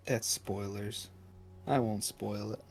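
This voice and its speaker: A man's voice: fairly low pitch, steady tone, slow pace, gravelly, darkish tone, soft background music. A man casually chatting and teasing while streaming a video game, in a playful, mock-indignant manner.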